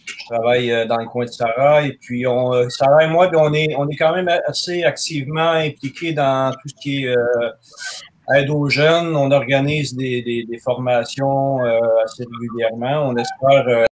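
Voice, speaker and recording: A man's voice: medium pitch, steady tone, normal speed. Chatty man with a Québécois accent. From Quebec, Canada. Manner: chatty, with many fillers and restarts. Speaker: farrier. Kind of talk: casual self-introduction on a video call.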